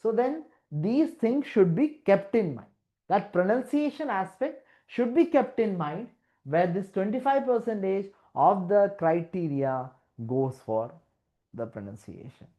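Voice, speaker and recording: A woman teaching English test criteria, mixing Malayalam with slow English and restarting her words as she explains. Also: mid-range voice, very animated, dark tone. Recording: dull lo-fi audio.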